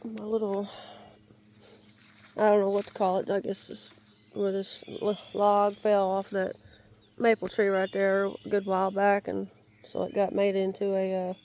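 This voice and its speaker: Still recovering from a cold, a Georgia woman speaks in a raspy, crackly, mid-range voice with a darkish tone and completely flat delivery. She rambles casually through a tour of her wooded yard, often restarting and groping for words, as birds sing outdoors.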